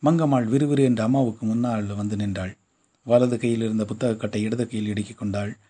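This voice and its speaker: A man narrating a short story in a steady storytelling manner. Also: fairly low pitch, a little fast, husky.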